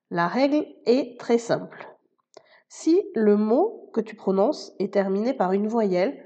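A woman teaches in a scripted podcast lesson, speaking with a warm, mellow voice. She explains each point patiently and addresses the listener informally. The recording sounds slightly dull and muffled. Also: mid-range voice. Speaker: Spanish teacher.

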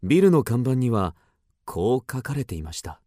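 A man's voice: medium pitch, big pitch swings, moderate pace, dark tone, no echo, clean studio sound. An actor playing an agitated, obsessed man recounting an eerie mystery in dramatic radio drama narration, with theatrical swings. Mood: ominous recounting. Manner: suspenseful, theatrical, with sudden swings.

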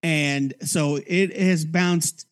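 A man co-hosting a comic book podcast in casual chat, halting and full of fillers as he restarts his words. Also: a little high, fairly even intonation. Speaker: podcast co-host.

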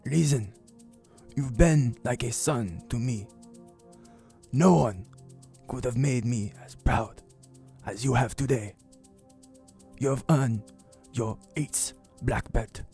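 An actor playing a gentle, dying older martial arts master who speaks slowly and solemnly. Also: male voice, medium pitch, gravelly, faint music behind. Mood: solemn farewell. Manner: slow, solemn, measured. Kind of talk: audio drama acting.

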